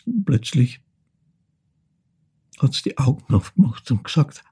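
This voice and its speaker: An older man from Vorarlberg, Austria, haunted and agitated, remembers his troubled mother in an intimate, theatrical storytelling monologue. His mid-range voice is husky, creaky, and mellow, with big pitch swings in a full character voice. He speaks haltingly and broodingly, sometimes dropping into whispers.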